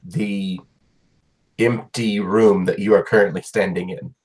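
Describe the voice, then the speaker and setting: A man improvising tabletop game narration as game master, in a halting way. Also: sits low, steady tone, a little mellow, poor audio.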